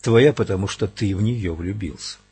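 A man reading as a feverish, world-weary gunslinger, his voice low, husky and held back. Every line comes out quiet, terse and deliberate, dry and close to the mic. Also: no room sound. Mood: grave. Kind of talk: audiobook character voice.

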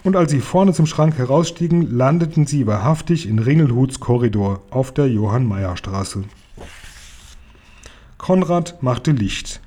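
A man reading a children's story aloud in a lively, characterful way. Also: medium pitch, a little slow. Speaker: audiobook reader. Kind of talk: storytelling narration.

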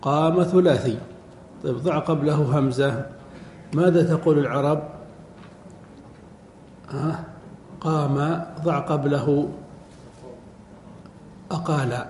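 Give me a man with a slightly high voice lecturing in a reverberant hall with faint noise behind him. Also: fairly even intonation, a little mellow. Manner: slow, drawn-out, quizzes students and repeats word forms. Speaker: teacher of Arabic morphology. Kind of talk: classroom lecture. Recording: echoey hall recording, faint background noise.

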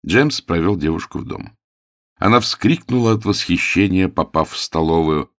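A man narrating a story as an audiobook in a measured, expressive reading. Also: low-pitched, dry recording, studio quality.

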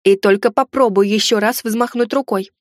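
A woman voicing a level-headed young heroine in a story reading, who speaks calmly and curtly. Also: medium pitch, moderate pace, dry recording, clean studio sound, natural voice. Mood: firm. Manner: calm, curt.

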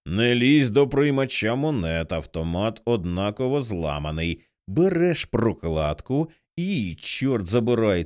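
A man voicing a cold, harsh young female gym teacher who gives curt commands in an audiobook. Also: on the low side.

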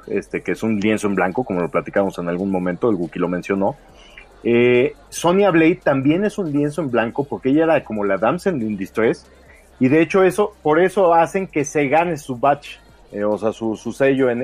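A man's voice: medium pitch, darkish tone. A man with a Mexican accent in a casual film discussion, colloquial and often seeking agreement. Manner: colloquial, seeks agreement with tag questions. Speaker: podcast panelist.

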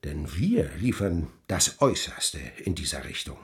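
An actor playing the Devil as a sly, mocking, smooth-talking tempter in a radio drama, theatrical and insinuating. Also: male voice, low voice, sing-song, unhurried. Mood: seductive, grandiose. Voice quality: husky, breathy, creaky. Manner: theatrical, insinuating, wordy with mannered archaic phrases.

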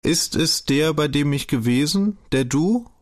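A man's voice: fairly high pitch, animated, a little slow, pitched above the performer's own voice. A man voicing an urgent, childlike young man. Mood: urgent questioning. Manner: urgent, pleading questions. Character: naive young man, childlike, insistent questioner.

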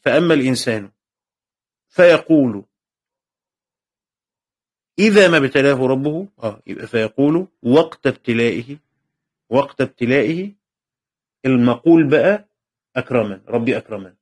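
Man, Egyptian Arabic accent, teacher, classroom text commentary, middle pitch, repeats key points, checks understanding. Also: animated, moderate pace, pauses often, darkish tone. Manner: shifts between formal reading and colloquial explanation.

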